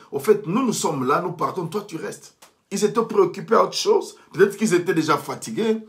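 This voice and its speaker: A pastor delivers a sermon in an earnest voice that sits fairly high for a man. He often restarts his phrases and blesses his listeners as he goes.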